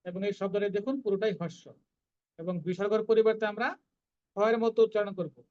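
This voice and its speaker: A recitation teacher, explaining pronunciation syllable by syllable and chanting the verses in slow, drawn-out tones. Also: medium pitch, fairly even intonation, dark tone, smooth, muffled recording. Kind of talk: online class teaching Sanskrit verse pronunciation.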